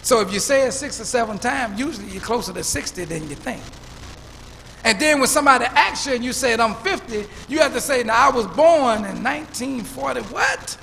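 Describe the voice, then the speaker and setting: A man's voice: very high-pitched, animated, a little fast, vocal fry, sharp tone. A man, preaching a sermon as pastor and telling stories in a preacherly way. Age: 50s. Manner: preacherly storytelling, repeats words when building up. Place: church. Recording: church hall reverb, faint room noise.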